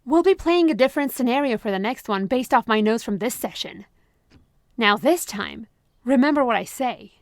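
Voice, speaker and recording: In a high, sweet-as-honey voice, a voice actress performs a possessive therapist keeping her patient under control through calm sweetness, sounding smooth and controlling at a normal speed. It's intimate like ASMR roleplay, recorded close and dry with no sense of a room.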